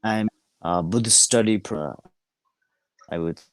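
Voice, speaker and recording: A man answering interview questions over a video call, his voice cutting in and out, speaking haltingly with many pauses and fillers. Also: fairly low pitch, faint music behind.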